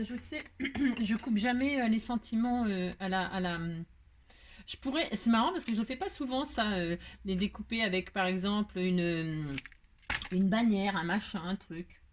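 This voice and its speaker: A woman's voice: mid-range voice, a little slow, long pauses, slight background noise. A woman hosting a casual card-making tutorial, thinking aloud and chatting to herself as she works, with affectionate goodbyes to her viewers. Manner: warm, affectionate sign-off to viewers. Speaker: card-making crafter and channel host. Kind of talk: casual crafting tutorial chat.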